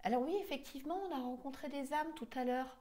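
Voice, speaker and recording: A woman's voice: high voice, fairly even intonation, fast, dark tone. A woman therapist leads a regression hypnosis session in a slightly raised voice. She presses on, question after question, never letting a point drop. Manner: insistent, probing questions.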